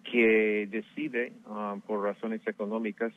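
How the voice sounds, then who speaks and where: A man speaking as a guest professor in a radio interview, measured and thoughtful, heard over a phone line. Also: lowish voice, little pitch movement.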